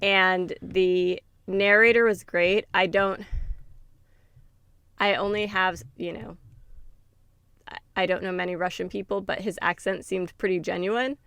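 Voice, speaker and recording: Gravelly-voiced woman chatting casually. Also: on the low side, fairly even intonation, a little slow, long pauses, a bit bright, dry recording. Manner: chatty, many fillers, laughs while retelling. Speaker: podcast co-host. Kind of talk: casual book review chat.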